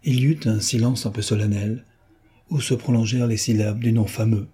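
Male audiobook narrator, husky and mellow, measured reading. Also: fairly low pitch, steady tone. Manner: measured, literary storytelling. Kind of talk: scripted narration.

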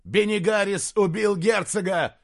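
A man reading an audiobook, voicing a young male knight shouting warnings in the middle of a battle. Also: sits high, unhurried, voice pushed up. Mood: urgent.

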